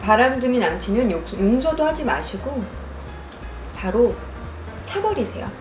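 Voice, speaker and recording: A young adult woman telling a story casually over food and drink, chewing while talking and speaking in an animated storyteller's manner. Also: fairly high pitch, a little slow. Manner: animated storytelling, acts out quoted lines. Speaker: mukbang vlogger. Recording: roomy echo, music behind.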